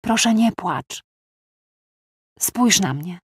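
A woman voicing a gentle, weary young man who murmurs tenderly. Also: medium pitch, animated, drawn-out words, slightly rough, dry recording, studio quality, full character voice. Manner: soft murmuring tone.

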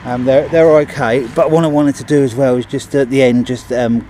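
A middle-aged handyman speaks at normal speed in a warm, medium-pitched voice with a steady tone. Outdoors at a driveway gate, he casually shows his finished work, with plenty of ums and restarts, and his body-worn action camera picks up slight background noise.

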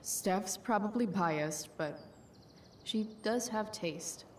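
A woman's voice: mid-range voice, takes it slowly, slight background noise, lightly acted. An actress playing a sardonic, rebellious teenage girl in a video game, dry, hesitant and understated. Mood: dry, wry. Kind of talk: video game dialogue and inner monologue.

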